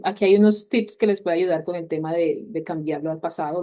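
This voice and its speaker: Female teacher walking students through a lesson step by step; low, warm, relaxed delivery. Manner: explains step by step, mixing in English words. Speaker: English teacher. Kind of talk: online class walkthrough.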